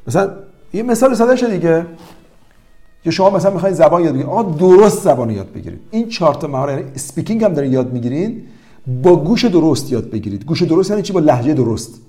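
Brief: energetic male language tutor, fairly high, very lively voice, faint music underneath. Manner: animated, lively storytelling with quoted voices. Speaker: language teacher. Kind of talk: promotional language-learning talk.

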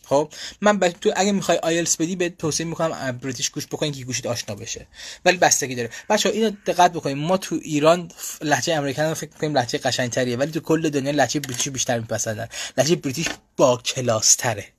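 A man's voice: a little high, slightly rough, no echo. A man hosting a casual live question-and-answer stream for language learners, talking loosely with frequent fillers and restarts. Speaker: language school host answering viewer questions. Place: lives in Europe.

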